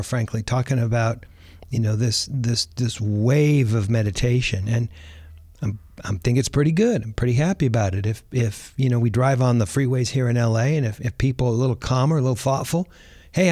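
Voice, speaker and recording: A man hosting a podcast, talking in a relaxed, chatty way and often repeating words as he thinks. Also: medium pitch, no room sound, clean studio sound. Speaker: podcast host. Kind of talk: casual podcast talk.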